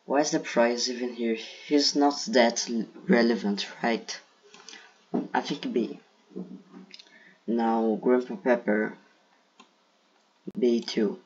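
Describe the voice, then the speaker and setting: Slow, with long pauses and a breathy edge, a medium-pitched male voice keeps a fairly even intonation. This gaming video creator from Brazil, a Portuguese native speaking English with a Brazilian accent, casually ranks game characters in a tier list, hesitating and thinking aloud with fillers. The sound comes through a dull lo-fi mic.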